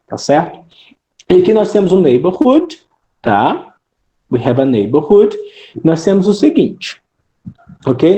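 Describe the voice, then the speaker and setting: Brazilian woman teaching English online, lively pitch. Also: roomy sound, poor audio. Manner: mixes Portuguese explanations with English, tag questions "não é".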